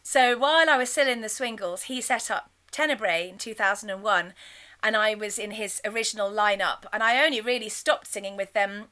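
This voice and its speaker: Bright-voiced woman choir leader. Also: mid-range voice, fairly quick. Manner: chatty and warm, breaking into sung examples. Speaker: choir leader teaching a course. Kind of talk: enthusiastic spoken lesson with sung demonstrations.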